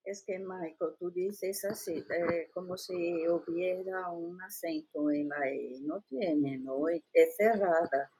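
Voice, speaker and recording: A woman tutoring Spanish one-on-one, patiently modeling words and gently correcting pronunciation. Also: on the low side, fairly even intonation, slow pace, few pauses, a little hiss or hum.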